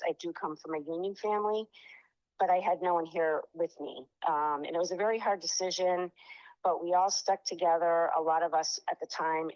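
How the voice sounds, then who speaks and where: A woman's voice: lowish voice, a little mellow, dry recording. A middle-aged woman giving testimony at a public hearing by phone, heard over a speakerphone, hesitant with many ums and uhs. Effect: heard over a speakerphone call. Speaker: union member giving testimony. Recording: dull lo-fi phone sound.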